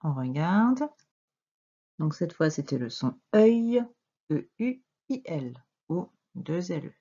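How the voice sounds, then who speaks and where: A woman teacher with a French accent, giving a slow, patient reading and dictation lesson to a young child and spelling out letters. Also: low voice, sing-song, dark tone, slightly rough, lo-fi sound. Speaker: primary school teacher.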